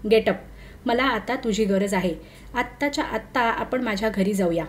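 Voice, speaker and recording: A woman reading the lines of a bold young woman who speaks calmly and with easy command. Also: on the high side, moderate pace, a little hiss or hum, natural voice. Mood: eager. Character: bold, self-assured young city woman.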